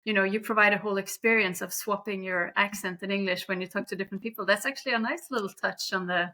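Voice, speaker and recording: A Norwegian woman from Norway hosts a casual podcast chat in a friendly, talkative way and is quick to crack jokes. She speaks with a Norwegian accent at medium pitch, with fairly even intonation and a sharp tone.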